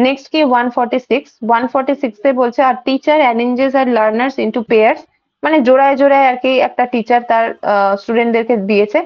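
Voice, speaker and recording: A woman's voice: a little high, steady tone, a little fast, highs cut off. A woman teacher with a Bengali accent explains exam questions in an online class, reading English lines aloud and explaining them. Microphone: video call.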